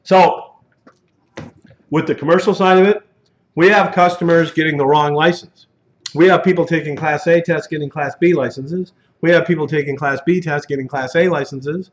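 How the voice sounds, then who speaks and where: A man's voice: on the high side, steady tone, moderate pace. A man teaching a truck driving class in a conversational lecture style, telling cautionary stories and acting out the dialogue in them. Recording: dull lo-fi classroom recording.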